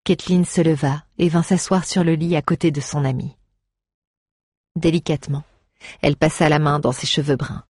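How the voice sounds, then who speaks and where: Husky storybook narrator, measured delivery, dry close mic. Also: mid-range voice, fairly even intonation, a little mellow, no room sound. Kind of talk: scripted audiobook narration.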